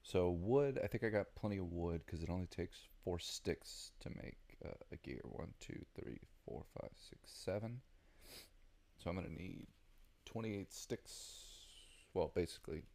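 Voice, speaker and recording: A man's voice: low-pitched, a little slow, dark tone. A man with a Southern American accent giving casual, rambling gameplay commentary, thinking aloud with lots of ums. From Southern United States. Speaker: gaming video creator.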